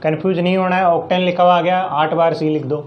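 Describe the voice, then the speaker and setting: A male teacher with a high voice and little pitch movement moves at a quick pace through a classroom chemistry lesson, speaking with a Rajasthani Hindi accent. He explains each step, counts aloud and asks questions before answering them himself. The audio is lo-fi with slight background noise.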